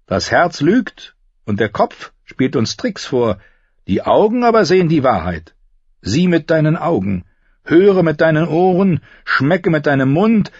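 A man voicing a proud, wise old male fencing master with a measured, instructive cadence. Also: a little high, breathy edge, dry recording, pitched above the performer's own voice, exaggerated voice. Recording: dull lo-fi recording.

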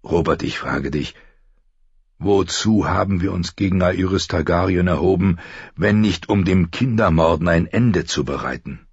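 Man as a stern calm lord, low and a bit husky, audiobook. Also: dry recording, muffled recording, heavily acted. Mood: cold reproach. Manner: measured, cool, firm. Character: stern honorable male lord, middle-aged.

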